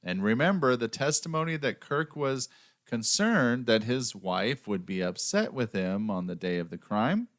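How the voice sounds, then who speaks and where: A man's voice: medium pitch, expressive, unhurried. An American man hosting a true-crime podcast, reading scripted narration in a dry, sarcastic way between banter. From United States. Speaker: podcast host.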